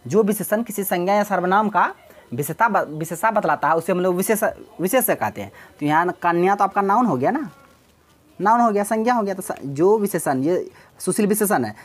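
A woman teaching an exam-prep grammar lesson, explaining step by step and repeating key words. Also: mid-range voice.

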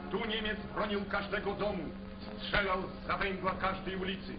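A man's voice: high voice, level tone, moderate pace, echoey room, distant mic, muffled recording. A man with a Polish accent narrating a 1940s newsreel in a solemn, declamatory way, in the sound of an old newsreel. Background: loud music score.

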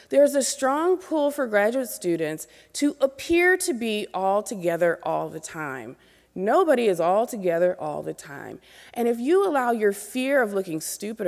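Speaking into a podium mic on an auditorium stage, a woman in her forties delivers an earnest motivational keynote straight to new graduate students. She has a fairly high, slightly mellow voice with vocal fry, and the recording carries the long reverb of a big hall.

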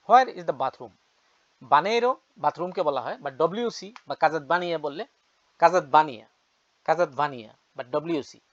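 A man giving a casual vocabulary lesson, repeating each word slowly for learners. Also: fairly high pitch, no room sound. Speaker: language teacher. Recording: dull lo-fi sound.

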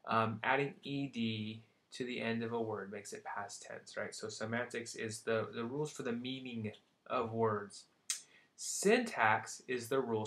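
In a casual recorded lecture, a young man with a medium-pitched, somewhat bright voice goes over psychology terms. He keeps checking in with "right?" and "okay?" and slips in light jokes.

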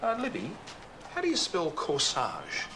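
An actor playing a brisk, businesslike hospital boss and father in a TV soap. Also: a little high, wildly swooping pitch, pushed and bright, a little hiss or hum, full character voice. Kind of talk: TV soap acting.

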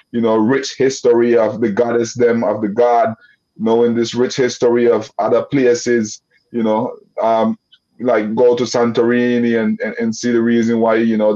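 A young Nicaraguan man with a Creole English accent is a guest on a casual video-call interview from an indoor room. His medium-pitched voice is mellow, and he rambles loosely, often restarting sentences and filling gaps with "you know." The call audio sounds dull and lo-fi.

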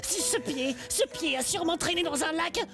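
A woman's voice: very high voice, moderate pace, over music. Woman voicing a jumpy young puppet boy. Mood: scared. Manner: exclamatory, full of gasping oh's. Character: excitable young male puppet, eager and easily scared. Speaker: regular puppet character. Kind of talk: children's puppet show acting.

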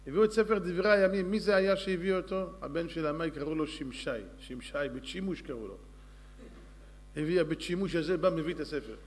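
Rabbi guy telling a story in a sermon, fairly high voice, long echo. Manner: storytelling, addressing audience directly. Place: synagogue or lecture hall.

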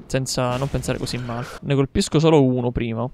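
A man's voice: mid-range voice, moderate pace, a little hiss or hum. A man commentating his gameplay, taunting enemies and swearing as he plays. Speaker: gamer. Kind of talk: let's play commentary.

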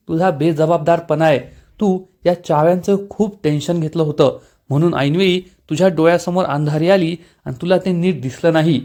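A man's voice: sits high, a little mellow, close to an everyday voice. A man reading the lines of an angry young husband scolding his wife in a TV serial recap. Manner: scolding, reproachful.

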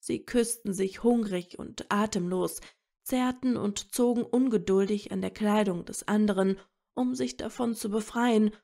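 A woman narrating a fan fiction story in a steady, measured reading. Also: mid-range voice, creaky.

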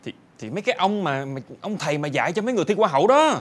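Fussy dad, talks super fast, voice jumps all over, soft music behind. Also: male voice, high-pitched, big pitch swings. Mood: questioning. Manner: fast, exasperated, swoops into exclamations. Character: fussy, excitable middle-aged father. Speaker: father. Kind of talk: TV sitcom acting.

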